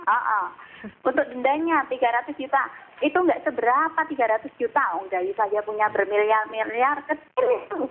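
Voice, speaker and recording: A female phone-in caller speaks through a narrow, phone-like line. Her voice sits fairly high, and she lays out her points in order in a plain, direct way. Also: moderate pace, a little hiss or hum. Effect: phone-line caller heard through a call-in line. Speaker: caller to a TV talk show. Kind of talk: call-in opinion.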